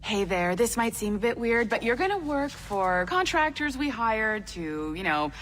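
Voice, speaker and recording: A flustered female office manager in a video game. Her pitch is highish and animated, her delivery hesitant and exasperated. The hall echoes, with faint noise. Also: normal speed. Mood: awkward. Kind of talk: video game character dialogue.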